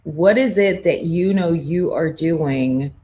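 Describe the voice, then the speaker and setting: A woman's voice: sits low, takes it slowly, warm tone. A woman hosting a morning show, giving an emphatic motivational talk with faith references. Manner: emphatic, preachy, with faith references and quoted inner voices. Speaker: morning show host, brand coach. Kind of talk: motivational live-stream talk.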